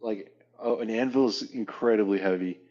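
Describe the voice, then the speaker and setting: A man's voice: fairly low pitch, moderate pace, warm tone. Chatty man, dull lo-fi sound. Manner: enthusiastic, explains things with "like". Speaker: co-reader. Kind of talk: casual chat between readings.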